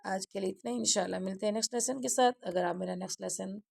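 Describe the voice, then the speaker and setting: A woman teaching Quran recitation, chanting verses slowly and then explaining the rules quickly. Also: mid-range voice, vocal fry, darkish tone. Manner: slow drawn-out recitation alternating with quick explanations; repeats phrases and checks with "theek hai". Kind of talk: tajweed lesson, recitation with explanation.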